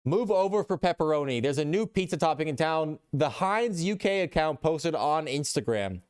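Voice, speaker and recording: A man's voice: fairly high pitch, animated, moderate pace, a little mellow, clean tone. A man streaming live, chatting casually with his chat in a rambling way and reading posts aloud.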